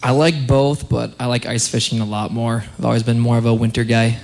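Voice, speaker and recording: A man's voice: medium pitch, little pitch movement, a little fast, vocal fry, a little mellow, slight background noise. A young man from Minnesota, a college hockey player, giving easygoing, short interview answers. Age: young adult.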